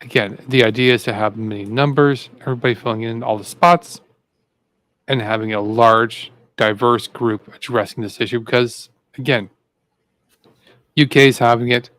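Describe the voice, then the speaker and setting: A man's voice: mid-range voice, steady tone, moderate pace, a bit bright. A man co-hosting a live political talk show, rambling and repeating himself as he gets fired up. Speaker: co-host. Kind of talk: casual political commentary.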